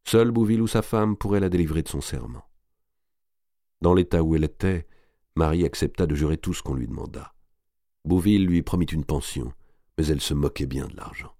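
Male audiobook narrator, very low voice, dry close sound, measured novel reading. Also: warm tone, no echo. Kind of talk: scripted narration of a historical novel.

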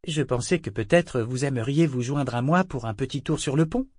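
A man's voice: mid-range voice, normal speed, a little mellow, dry recording, clean studio sound, lightly acted. A man reading the lines of a wary young woman who forces herself to stay polite. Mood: coaxing.

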